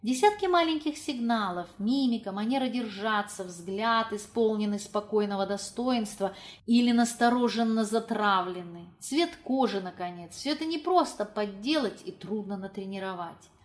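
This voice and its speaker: Reading from a literary audiobook, a woman tells the story in a measured yet expressive way. Her pitch sits in the middle range.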